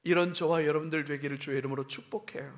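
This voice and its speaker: A male pastor preaching a sermon, asking the congregation questions and dropping from loud emphatic bursts to hushed whispers. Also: on the high side, fairly even intonation, fast. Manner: addresses the congregation directly with questions. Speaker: senior pastor.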